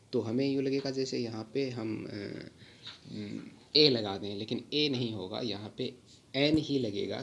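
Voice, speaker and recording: Male tutor, unhurried explainer, patient, repeats key words, faint hiss behind. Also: medium pitch, gravelly. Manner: patient, repeats words slowly with many fillers. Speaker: English grammar teacher. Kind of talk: slow explanatory lesson.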